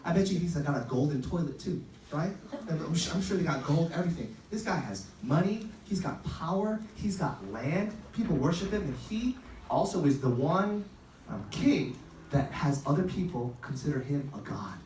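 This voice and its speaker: A man's voice: a little high, expressive, normal speed, a little mellow. A man preaching an informal, upbeat youth sermon as a pastor, telling stories in a conversational way. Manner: upbeat, conversational, acts out quoted lines. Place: echoey room, recorded at a distance. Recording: roomy, distant pickup with faint noise.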